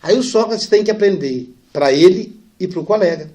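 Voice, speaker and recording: Brief: middle-aged male spiritist speaker, animated storyteller, fairly high voice, acts out the dialogue. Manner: animated storyteller, acts out dialogue, drops soft and slow for sad parts. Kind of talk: storytelling lecture.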